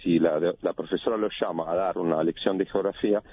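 Over a tinny phone line, a man with a low, steady voice talks briskly. He's a body-language analyst explaining things in a teaching manner, chanting examples to demonstrate intonation.

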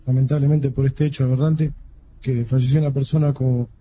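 A young man in his twenties, a defendant, giving a formal, halting apology and repeating his words. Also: medium pitch, level tone, mellow, a little hiss or hum. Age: 20s. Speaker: defendant making a statement in court. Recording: dull court audio with faint ambience.

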